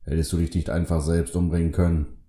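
A man voicing a weary, measured Wild West sheriff, close to his own deep voice, in a storybook reading. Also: level tone, dark tone, reverberant, natural voice. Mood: stern.

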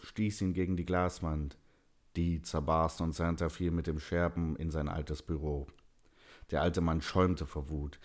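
A man narrating a dramatic Christmas story as an audiobook, steady and storytelling. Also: a bass voice.

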